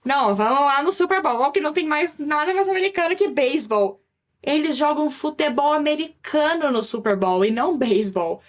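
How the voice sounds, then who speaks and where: A young woman with a Brazilian Portuguese accent teaching an English lesson in a lively, chatty way, slowing down for English examples. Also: high-pitched. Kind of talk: online language lesson.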